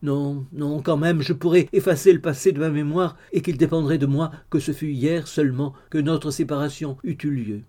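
A man's voice: a little high, steady tone, moderate pace, hardly any pauses, warm tone, natural voice. Tearful young woman, read by a man. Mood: tearful, pleading. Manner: fervent, sobbing pleas. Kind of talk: audiobook reading.

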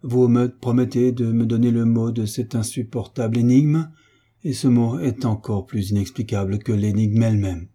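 A man's voice: mid-range voice, steady tone, moderate pace, dark tone, breathy edge, close to an everyday voice. A man voicing an exasperated, blustering old baron in an audiobook, complaining frantically and crying out in disbelief.

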